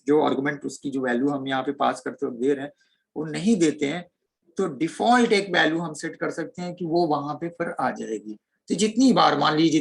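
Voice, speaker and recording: A man's voice: fairly high pitch, vocal fry, breathy edge, rough recording. A man teaching an online programming class, explaining code step by step as he types. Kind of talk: online coding lecture.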